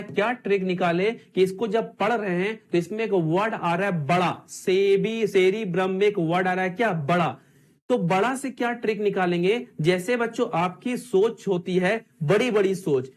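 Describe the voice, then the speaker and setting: In this online exam-prep session, a high-pitched male teacher repeats his questions again and again, leading the students through call-and-response drills.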